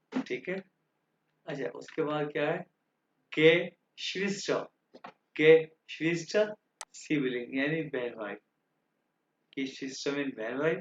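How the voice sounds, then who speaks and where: A man's voice: medium pitch, a little hiss or hum. A man teaching German grammar to a class, patient and repetitive, often checking that students understood. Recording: dull, roomy classroom recording.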